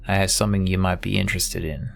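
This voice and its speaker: Low, gravelly male gamer. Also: fairly even intonation, quick pace, a little hiss or hum. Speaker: gamer playing through an adventure game. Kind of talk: casual game commentary, reading dialogue aloud.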